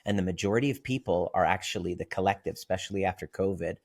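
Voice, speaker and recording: A man's voice: low-pitched, fast, a little mellow. A man, a therapist guest on a podcast interview, explaining ideas through vivid stories and examples.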